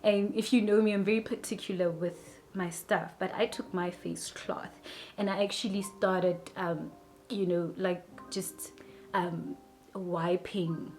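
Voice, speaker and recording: Halting woman telling a story. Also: lowish voice, steady tone, faint music behind. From South Africa. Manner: halting, repeats words, drops to a hushed near-whisper at tense points. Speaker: YouTuber recounting a personal experience. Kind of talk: personal storytelling vlog.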